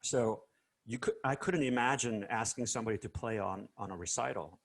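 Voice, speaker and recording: A guest musician from South Korea is interviewed over a video call, telling stories casually with lots of fillers and restarts. His voice is lowish, a little fast, and gravelly.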